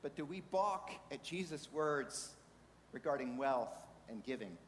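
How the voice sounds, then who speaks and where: A man preaching a sermon in a measured way, asking the congregation rhetorical questions. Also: medium pitch, lively intonation, a bit bright, a little hiss or hum. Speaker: pastor. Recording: reverberant hall with faint ambience.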